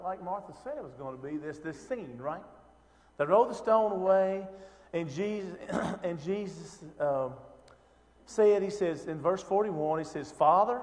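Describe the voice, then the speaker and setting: A man's voice: high voice, a little mellow, big-room sound. Chatty man teaching a Bible class. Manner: conversational, many rhetorical questions and fillers. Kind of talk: informal Bible lesson.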